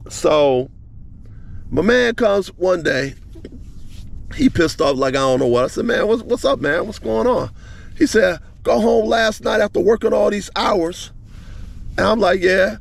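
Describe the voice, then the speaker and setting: A man giving relationship advice, telling a friend's story in a casual, animated way with many restarts. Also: sits high, gravelly. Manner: animated retelling, many restarts, speeds up and slows down.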